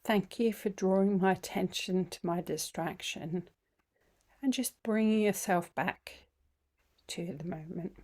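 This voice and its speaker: A woman guiding a body scan meditation, speaking gently with frequent ums and some softly whispered phrases. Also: fairly low pitch, a little slow. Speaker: breathwork and mindfulness teacher.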